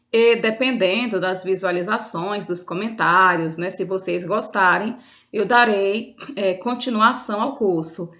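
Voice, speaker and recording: A woman's voice: medium pitch, fairly bright tone. Brazilian woman teaching an online lesson. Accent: Brazilian Portuguese. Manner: explanatory, with frequent fillers and restarts. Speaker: Italian teacher.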